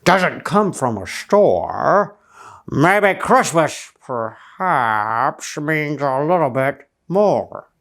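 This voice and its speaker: A man's voice: on the high side, very animated, very slow, fairly bright tone, voice pushed down, full character voice. A man reading a storybook, voicing a sly, grumpy Christmas-hating monster in a slippery, theatrical manner. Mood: pensive.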